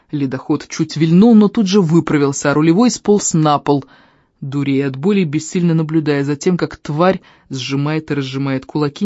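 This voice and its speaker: An audiobook reader narrating a first-person adventure novel in a steady, low-key way. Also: no room sound. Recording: dull, dry lo-fi audio.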